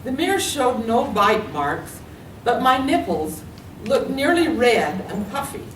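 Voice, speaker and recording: At a public reading in a library room, an older American woman reads her own personal story aloud with expression. Her voice is a little high, sing-song, and unhurried. The room echoes, the mic is distant, and there's faint noise.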